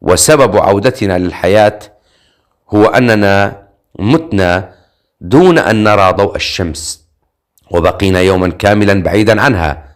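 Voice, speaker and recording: A man's voice: on the low side, normal speed, long pauses, natural voice. A man reading an audiobook voices a frightened young woman who speaks in a trembling, fearful way. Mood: hushed.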